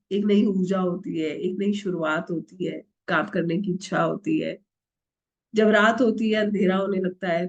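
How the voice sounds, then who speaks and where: A middle-aged woman teaches tarot over a video call, her voice on the high side yet darkish in tone. She switches between Hindi and English words, raising questions for the class and answering them herself.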